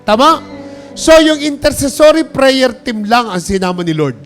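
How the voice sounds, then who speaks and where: High-pitched male pastor, call-and-response sermon delivery, faint music bed. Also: big pitch swings, moderate pace. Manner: preaching with call-and-response, urging applause; mixes English phrases into his talk.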